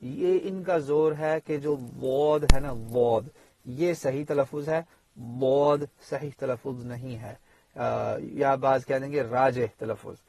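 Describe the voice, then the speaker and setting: A man giving a spoken tajweed lesson in an explanatory way, pausing often on fillers and asides. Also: medium pitch, fairly even intonation, creaky, darkish tone. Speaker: Quran teacher and imam.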